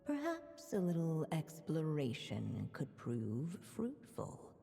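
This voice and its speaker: A woman playing a composed, slyly teasing storybook narrator in a video game, with measured theatrical delivery. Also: low-pitched, huge pitch swings, creaky, mellow, slightly rough, soft background music, heavily acted. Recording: long hall reverb.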